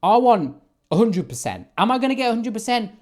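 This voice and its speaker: Lively emphatic man talking trading. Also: sits high, brisk. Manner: emphatic, keeps asking "right?". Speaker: forex trader. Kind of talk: casual vlog monologue.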